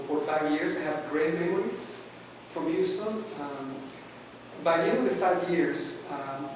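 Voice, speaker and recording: This hesitant club speech comes from a man with a Mexican accent whose native tongue is Spanish; he pauses repeatedly on fillers, says "uh" a lot and restarts. His voice is a bit high for a man and a little mellow. Captured from across a very echoey meeting room far from the microphone, the audio carries a faint hiss.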